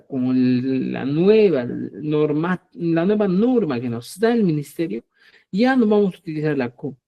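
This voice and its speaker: A man leads a live language lesson in a dark, mellow voice. He explains rules patiently and repeats example words slowly, syllable by syllable. He keeps checking that his listeners follow. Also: fairly high pitch. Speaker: Quechua language teacher. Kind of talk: live online class for teachers.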